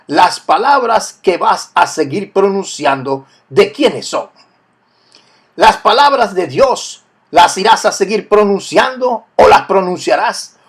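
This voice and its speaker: A man preaching a recorded sermon, teaching in a measured way, citing scripture verses and speaking directly to the believer. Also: high voice, slightly rough.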